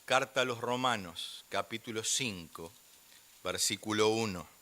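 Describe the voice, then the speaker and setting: An older man with an Argentine accent preaching a sermon in church, swinging from loud emphasis down to near-whispers. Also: lowish voice, unhurried. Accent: Argentine Spanish. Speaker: guest preacher.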